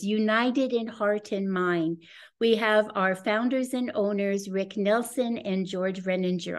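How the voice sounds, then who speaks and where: A woman's voice: mid-range voice, a little mellow. Enthusiastic woman in her sixties presenting. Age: 60s. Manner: earnest, enthusiastic, personal testimonial. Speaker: presenter of a business opportunity. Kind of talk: webinar presentation. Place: home room with a scenic backdrop, indoors. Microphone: video call webcam.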